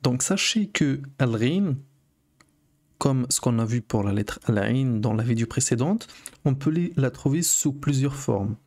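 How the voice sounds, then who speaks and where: Slow, patient man teaching a lesson. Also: medium pitch, expressive, a little mellow. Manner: slow, patient, repeats sounds for learners. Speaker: Arabic teacher. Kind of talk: video lesson.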